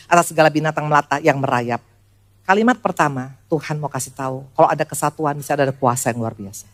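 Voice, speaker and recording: A woman in her sixties preaching a lively sermon to a church congregation, calling out to the audience and dropping to quiet asides. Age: 60s. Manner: animated, swings from loud high calls to low quiet asides. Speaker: pastor. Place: church service before a congregation.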